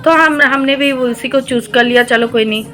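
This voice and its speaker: A woman vlogger telling her viewers a personal story, slowly and hesitantly, with many pauses, filler sounds and English words mixed in. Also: high-pitched, fairly bright tone, soft background music. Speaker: devotional vlogger.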